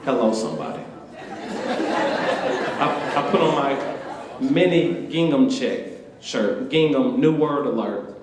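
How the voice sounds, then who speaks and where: A man from Atlanta with a Southern US accent, an author telling a lively, humorous story to students and talking straight to the audience. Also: mid-range voice, unhurried, pauses often, crowd noise, background noise. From Atlanta, Georgia, US. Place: university event hall. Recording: echoey lecture hall.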